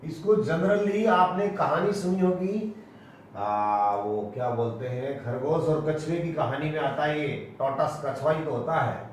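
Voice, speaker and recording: Slow, deliberate Indian man teaching. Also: on the high side, slight background noise. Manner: slow and deliberate, repeating each word. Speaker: English pronunciation teacher. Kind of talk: classroom lesson, spelling out words. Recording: echoey room, voice from far off.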